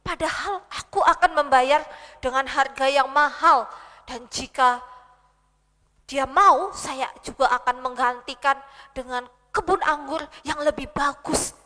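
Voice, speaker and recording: A sulking king grumbles and whines in a raised, bright, sharp voice, as a woman acts him out. He speaks slowly, and the voice rings with a long hall echo. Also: high-pitched. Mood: complaining. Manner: whiny, petulant complaining. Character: sulking angry male king.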